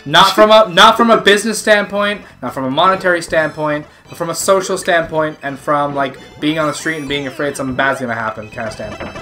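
A man co-hosting a casual chat while playing a video game, who bursts into loud shouting at the game now and then. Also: on the high side, a little fast, few pauses. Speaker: podcast co-host. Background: game music.

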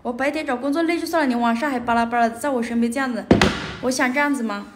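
A woman's voice: on the high side, rapid-fire, echoey room, very noisy. A woman on a livestream thanking viewers and pleading wearily with a friend to stop arguing. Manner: weary, pleading, hushing.

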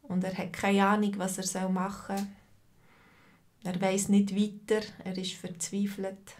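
A woman's voice: mid-range voice, flat delivery, unhurried, darkish tone. A woman teaching a live online language lesson over a video call, patiently greeting students by name and asking how they feel.

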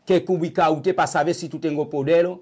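Older Haitian-accented man, high-pitched, halting and repetitive; vodou priest being interviewed. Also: fairly even intonation, darkish tone, breathy edge. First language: Haitian Creole. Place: small indoor shrine room.

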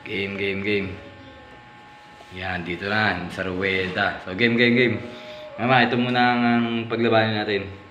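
A man hosting a vlog, giving excited, casual commentary on spider fights and constantly addressing his viewers. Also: on the low side, measured pace, pauses often, dull audio, faint music behind. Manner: excited, repeats "mga spider" and "oh" often. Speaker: vlogger, channel host. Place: at home. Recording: echoey room, faint background ambience.

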